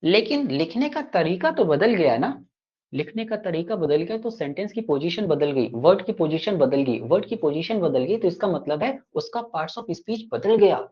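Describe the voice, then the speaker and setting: A man's voice: sits high, sing-song, normal speed, highs cut off. A man teaching an online grammar class, playful and teasing his students as he explains. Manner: addresses students fondly as kids.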